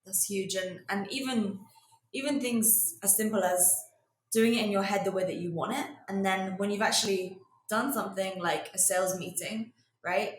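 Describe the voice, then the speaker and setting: A woman's voice: medium pitch, normal speed, slight background noise. A woman interviewing a guest conversationally, with an emphatic, engaged way of asking questions. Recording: roomy, echoing interview room.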